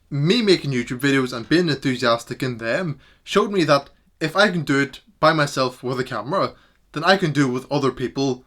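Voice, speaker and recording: A man's voice: a little high, fairly bright tone. A young man talking earnestly to camera in a reflective self-improvement vlog.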